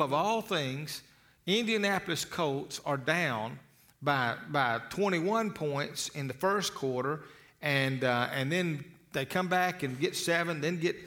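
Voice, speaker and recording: A man giving a motivational talk to an audience, folksy and storytelling, often repeating words as he restarts a phrase. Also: on the high side. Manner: storytelling with lively asides. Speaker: motivational speaker.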